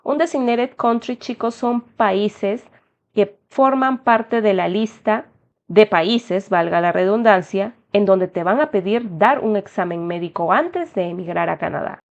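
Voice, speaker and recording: A woman's voice: mid-range voice, a little slow, gravelly. A young adult woman from Peru with a Peruvian Spanish accent, walking viewers through an application form in a friendly explanatory tutorial. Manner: explanatory, addresses viewers as "chicos". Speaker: immigration tutorial host. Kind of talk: step-by-step tutorial narration. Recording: slightly dull lo-fi sound.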